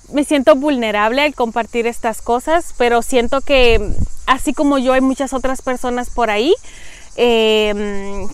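A young Dominican woman in her late twenties speaks with a Dominican Spanish accent in a bright, high voice that stays smooth and clear. She talks in an earnest, heartfelt way in a personal vlog. She is recorded outdoors in a garden on a lapel mic. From Dominican Republic. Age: 20s. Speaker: vlogger.

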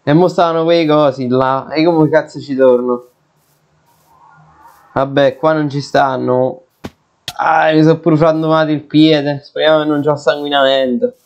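A young man talks through a video game, jumpy and quick to cry out or curse when startled. His voice sits a little high for a man. The recording is muffled and lo-fi. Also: steady tone, darkish tone. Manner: jittery, exclaiming and swearing in fright. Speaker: gaming video creator. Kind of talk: let's play commentary. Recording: dull lo-fi sound.

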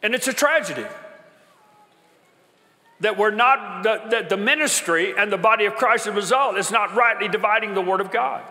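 A male pastor with a high, bright voice preaches in a church, leaning on repeated phrases and rising to a shout. Long reverb from the sanctuary trails his words. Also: normal speed. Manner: emphatic, repetitive preaching cadence, builds to shouting. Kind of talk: sermon.

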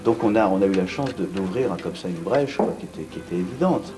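A middle-aged man seated in a gallery cellar, answering an interview in a blunt, brisk way with many restarts. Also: low voice, animated, music in the background, poor audio. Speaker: art fair organizer. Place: vaulted brick gallery cellar, indoors.

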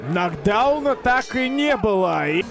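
A man giving excited live commentary on a fight as a commentator. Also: sits high, a little slow, vocal fry, music in the background.

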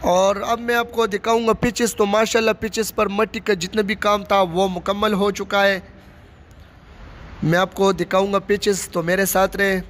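Holding his phone as he walks, a vlogger from Pakistan narrates a casual tour of a large stadium under construction. His high, slightly bright voice keeps up plain commentary and he repeats his phrases.

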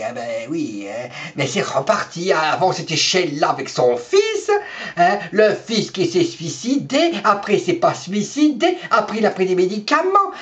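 A man rambling through a gossip monologue as a vlogger, repetitive and chuckling. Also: sits high. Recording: dull lo-fi recording.

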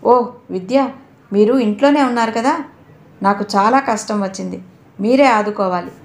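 A woman's voice: medium pitch, normal speed, natural voice. A woman voicing a young woman who pleads and begs insistently in a read-aloud story. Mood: pleading. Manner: begging and insistent. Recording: roomy echo.

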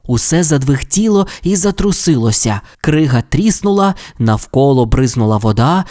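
Expressive storyteller man. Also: mid-range voice. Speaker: narrator. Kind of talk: children's audiobook narration.

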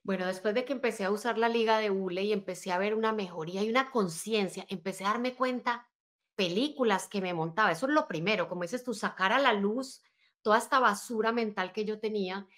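A woman's voice: mid-range voice, a little fast, fairly bright tone. Earnest motivational woman coach. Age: adult, married with children. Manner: earnest and motivational, often asks "¿verdad?". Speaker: life and business coach, podcast guest. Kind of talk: conversational interview, personal story.

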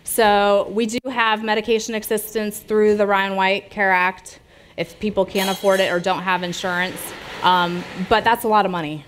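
A woman's voice: medium pitch, fairly even intonation, normal speed, a little hiss or hum. A middle-aged woman from the United States giving an informal public health talk and answering audience questions in a small lounge, speaking conversationally and gesturing freely. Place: small lounge with brick walls, seated audience.

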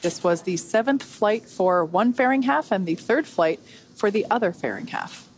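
A woman's voice: medium pitch, expressive, moderate pace, low-quality recording. A woman hosting a launch webcast, giving conversational, explanatory live commentary. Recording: faint background noise.

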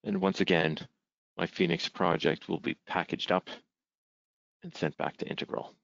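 Deep, gravelly man narrating a screen recording. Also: steady tone, normal speed, a bit bright, dry recording, lo-fi sound. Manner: step-by-step, methodical. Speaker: software presenter. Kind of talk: narrating a screen-share software demo.

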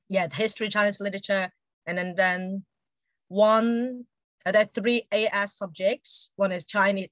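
A woman with a Hong Kong accent, in her forties, joins a video call from home as an interview guest, speaking casually and leaning on "you know." This Montessori educator has a medium-pitched, fairly bright voice, with no room sound in the recording.

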